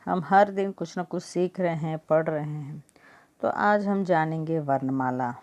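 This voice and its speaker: A woman gives an exam-prep grammar lesson at an unhurried pace. Her voice is mellow and a little low. She keeps asking questions and answering them herself. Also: dull audio. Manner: slow, repeats key answers as questions. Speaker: Hindi grammar teacher.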